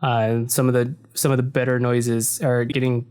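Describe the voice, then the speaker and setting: At normal speed, a deep-voiced tutorial narrator talks through an audio-editing walkthrough in an easygoing, conversational style, his tone clear and resonant and his speech sprinkled with "so" and "uh". This casual screen recording comes from his desk in an untreated home room, with the mic facing the computer screen.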